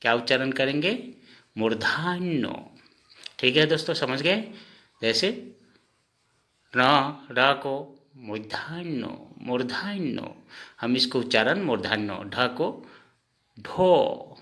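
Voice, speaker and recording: A man teaching a lesson, repeating each sound slowly and asking his own questions before answering them. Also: medium pitch, lively intonation, bright, forceful tone. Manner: often says "okay friends". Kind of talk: slow spoken lesson.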